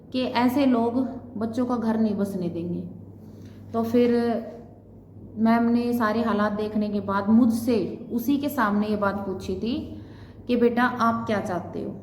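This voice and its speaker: A fairly high-voiced woman in her thirties tells her own story to the camera, earnest and repetitive as she goes back over what was said. The room around her rings with a long, echoing reverb, and a faint hiss sits underneath. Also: steady tone, unhurried. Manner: earnest, repetitive, quotes others' words. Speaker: vlogger. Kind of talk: emotional personal storytelling.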